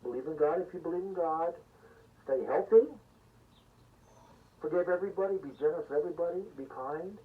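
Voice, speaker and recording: A man's voice: a little high, fairly quick, long pauses. A man in his seventies giving blunt, folksy, rambling advice in a casual monologue. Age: 70s. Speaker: singer-songwriter giving life advice. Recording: tinny phone-like sound from a distance with music behind. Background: music.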